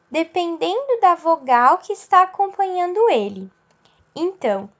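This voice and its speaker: Teacher lady, high voice, goes slow and keeps checking "ok?". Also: fairly bright tone. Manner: slow, explanatory, checks in with "certo?" and "ok?"; stretches out example words slowly. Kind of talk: recorded class lesson.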